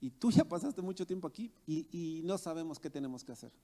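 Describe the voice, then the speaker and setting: Guy preaching in a church hall, high but mellow voice, long reverb. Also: expressive, fairly quick. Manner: addresses the congregation as brothers, acts out boastful believers. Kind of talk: sermon.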